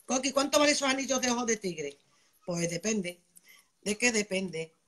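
Live-stream seller, woman from Spain, bright and fairly high, chatty and nonstop. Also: animated, moderate pace. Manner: chatty, keeps asking "vale", greets viewers by name. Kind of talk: live-stream sales pitch.

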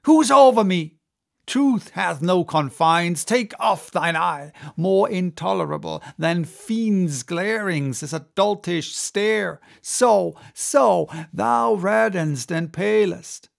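A man's voice: high-pitched, lively intonation, takes it slowly, gravelly, heavily acted. A man voicing an obsessed, vengeful whaling captain in an audiobook, intense and declamatory. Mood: fierce, goading, then intense, coaxing.

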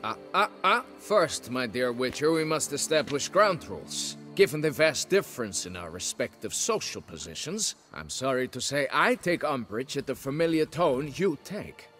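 A pompous, haughty nobleman in a fantasy role-playing game, who looks down on the hired help and fusses over his title. His voice sits mid-range but swoops about with theatrical, lively pitch. Faint music plays behind him. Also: normal speed, few pauses. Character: pompous snobbish middle-aged male nobleman, vineyard owner. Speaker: client hiring a witcher.

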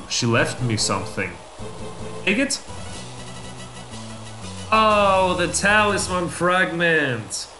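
A man's voice: a little high, poor audio. A man hosting a let's play, thinking aloud and reacting with surprise as he plays. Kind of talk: casual gameplay commentary. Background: game music.

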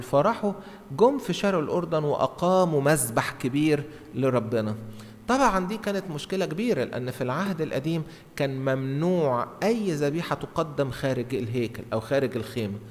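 A middle-aged man with an Egyptian Arabic accent, a priest preaching an explanatory Bible lesson conversationally from a church lectern. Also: fairly high pitch. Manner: conversational, acts out dialogue, repeats short phrases for emphasis. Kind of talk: Bible teaching sermon, explanatory. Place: large church interior at a lectern. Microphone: gooseneck lectern microphone. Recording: reverberant church hall.

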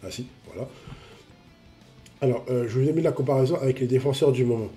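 A man's voice: medium pitch, quick pace, dark tone, faint music behind. A man with a cold, sniffling as he reviews a mobile game card in a casual, repetitive way, full of fillers. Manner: repeats himself, full of fillers.

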